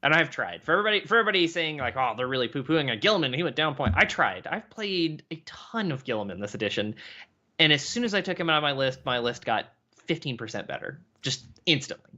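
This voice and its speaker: A man's voice: fairly high pitch, sing-song, fast talker, pushed and bright, dull audio. A man co-hosting a casual tabletop wargame chat, blunt and emphatic in his opinions. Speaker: co-host of a tabletop wargame talk show.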